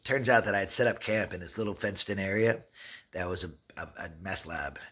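A husky man with a low voice tells street stories a little fast, rambling and streetwise, animatedly quoting dialogue as he retells them. He's a travel vlogger talking to camera in a casual storytelling vlog, standing inside an open derelict wooden shack and recorded on a phone or camera at arm's length.

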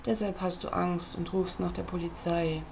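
A woman reads a book aloud in a gravelly, fry-edged voice. Her delivery is measured and earnest, and she seems to speak straight to the listener. She is reading from a screen at her computer. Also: lowish voice, steady tone, background noise. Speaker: reader.

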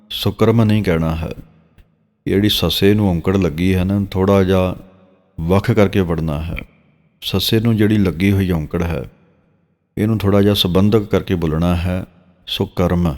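A man with a Punjabi accent, teaching the correct pronunciation of scripture and slowly drawing out each verse he recites. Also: low voice, fairly even intonation, darkish tone. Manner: slow, drawn-out recitation of verses between explanations. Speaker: Gurbani teacher. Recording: long reverb.

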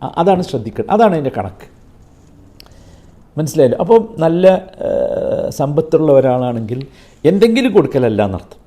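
A man leads a Quran commentary class. His pitch sits a little high and moves around a lot, over a mellow, dark tone. He keeps asking his listeners rhetorical questions and slows right down to recite Arabic with care. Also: very animated. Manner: recites Arabic slowly and carefully. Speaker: Quran teacher.

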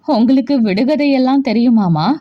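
In a storybook reading, a woman with a fairly high voice plays an injured young adult son who speaks plainly and teases his mother lightly, moving from moody to teasing. Her pace is normal and her sound close to everyday speech, though the audio is dull. The mood is casual and teasing.

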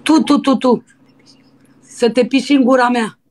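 O femeie care face o dansatoare obraznică și nerăbdătoare. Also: female voice, high-pitched, fairly even intonation, a little mellow. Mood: lustful, pushy. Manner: pushy and breathy, with crude demands. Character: brazen lustful young woman dancer caller. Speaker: prank caller. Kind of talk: prank phone call.

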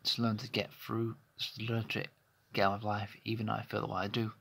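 A man in his thirties vlogs candidly into a phone held close to his face in a small bedroom, hesitant and rambling with many restarts. His fairly low voice is flat and brisk, gravelly and a bit bright with a slightly rough texture.

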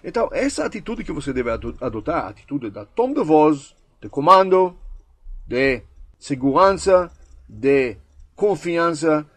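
A man's voice: fairly high pitch, big pitch swings, unhurried, no room sound. A man teaching a course, speaking emphatically in a coaching manner and acting out short example dialogues. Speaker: language course instructor. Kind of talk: instructional talk.

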